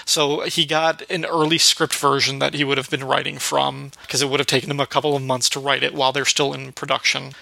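A man's voice: medium pitch, flat delivery, a little fast, gravelly, hardly any pauses, pushed and bright, low-quality recording. A man hosting a podcast, talking things through in a casual, thoughtful discussion. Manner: thoughtful, musing. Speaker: podcast host.

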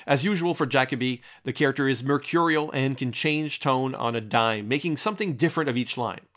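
A man delivering scripted analytical commentary as a critic, in a measured, literary, explanatory way. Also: mid-range voice, fairly bright tone. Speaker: narrator and film critic. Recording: dull, slightly lo-fi voice track.

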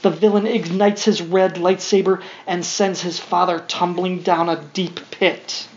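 In an unhurried, high-pitched voice that barely moves in pitch, a father narrates a children's book for his young son and slips in playful, wry remarks. Faint background noise sits under the dull, lo-fi audio.

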